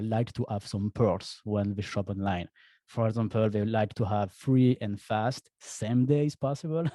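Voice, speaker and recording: A man's voice: mid-range voice, mellow, no echo. A man with a French accent giving a casual presentation as an e-commerce founder, chatty, with frequent restarts and stammered repeats.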